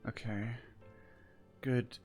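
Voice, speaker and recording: A man's voice: extremely slow, a little mellow, faint music behind. A man playing a tabletop role-playing game, talking hesitantly with many ums and apologies. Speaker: player.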